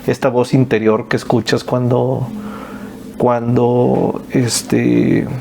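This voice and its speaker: A man from Mexico hosting a friendly conversation, speaking reflectively and giving soft backchannels. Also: mid-range voice, flat delivery, slow pace, creaky, background noise. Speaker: podcast host. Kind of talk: casual conversation.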